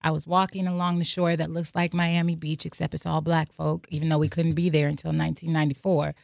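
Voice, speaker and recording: A woman's voice: deep voice, little pitch movement, fast, vocal fry, darkish tone, dry recording, studio quality. An American woman on a podcast, telling reflective personal stories and reading aloud from her journal. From United States. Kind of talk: casual podcast discussion.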